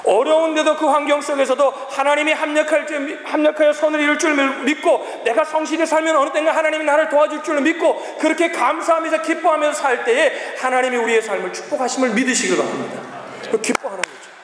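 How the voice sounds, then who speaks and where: A man in his forties delivers an emphatic sermon with a strikingly high voice, calling out to the congregation and then dropping to low asides. His voice rings through a roomy church hall with a long, trailing reverb. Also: steady tone, fast, a bit bright. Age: 40s. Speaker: pastor.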